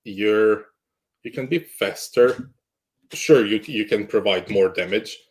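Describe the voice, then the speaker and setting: Man, guest, fairly low voice, jokey, restarts a lot. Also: slow. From Croatia. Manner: good-humored, jokey, frequent restarts. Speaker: guest, cloud architect. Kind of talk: casual interview chat.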